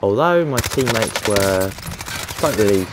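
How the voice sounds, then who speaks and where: A man's voice: on the low side, expressive, unhurried. A man giving casual, rambling, understated commentary as the creator of a gameplay video. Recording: gunfire and game noise behind voice. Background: shooter game audio.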